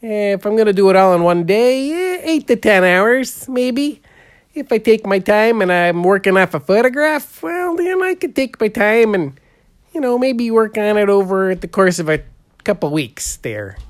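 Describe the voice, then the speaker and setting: A good-natured, heavyset painter, played by a man, who drawls and fills every pause with "uh". His voice swings widely up and down as he rambles on. The sound is dry and close. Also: high-pitched, animated, dry recording. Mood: goofy. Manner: drawling, rambling, full of "uh" and "there". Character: folksy heavyset male portrait painter, goofy. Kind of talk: improvised comedy interview.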